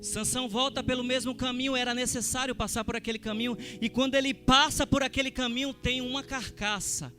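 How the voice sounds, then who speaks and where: A man preaching a sermon as a missionary, speaking emphatically and rising to forceful exclamations. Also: very high voice, steady tone, fairly quick, few pauses, soft background music.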